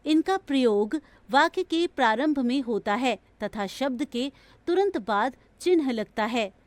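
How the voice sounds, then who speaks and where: A woman reading a grammar lesson from a textbook in a slow, measured, even delivery. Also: high-pitched, no room sound. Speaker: textbook audio reader.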